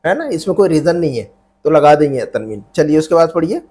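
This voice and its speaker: A man's voice: on the high side, big pitch swings, fairly quick, mellow, husky. A man teaching Arabic grammar online, patiently repeating each rule and quizzing his students. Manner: mixes Hindi-Urdu with Arabic terms.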